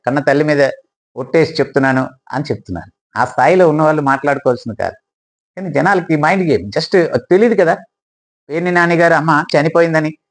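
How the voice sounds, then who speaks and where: A man's voice: a little high, low-quality recording. A man with a Telugu accent giving a political analysis monologue, full of rhetorical questions and hesitant fillers. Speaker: political commentator.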